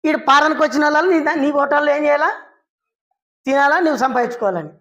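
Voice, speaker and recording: A woman preacher giving a storytelling sermon, lively and full of questions she answers herself. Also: sits high, fast, highs cut off. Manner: lively, asks and answers her own questions; acts out quoted people in short voices.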